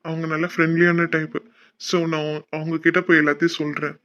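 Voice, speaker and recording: A man's voice: high voice, brisk, a bit bright. A man voicing a caring older brother in a cartoon, coaxing and reassuring his sister. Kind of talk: cartoon voice acting. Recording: dull lo-fi audio.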